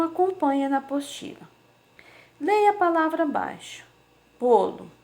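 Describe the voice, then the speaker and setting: A woman teacher speaks slowly and patiently to young children in a remote lesson. Her voice sits fairly high for a woman. She sounds out each word syllable by syllable. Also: a little mellow. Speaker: primary school teacher.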